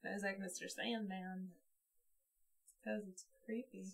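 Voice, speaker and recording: A woman's voice: medium pitch, little pitch movement, fast talker, creaky. A woman streaming a board game, chatting casually and thinking aloud as she plays.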